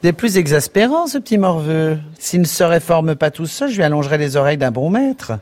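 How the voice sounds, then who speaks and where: A man voicing a sharp-tongued young woman barmaid, high, shrill and indignant. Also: big pitch swings, brisk. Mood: exasperated.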